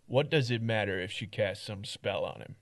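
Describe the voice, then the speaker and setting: A man voicing a gruff, dismissive middle-aged miner in a game, talking bluntly and loudly. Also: fairly low pitch, normal speed. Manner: blunt, loud and scornful.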